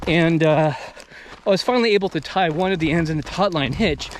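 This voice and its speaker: Recorded noisily outdoors, the host of an outdoor video channel, a man in his thirties, riffs casually to viewers. He talks a little fast in a slightly high voice.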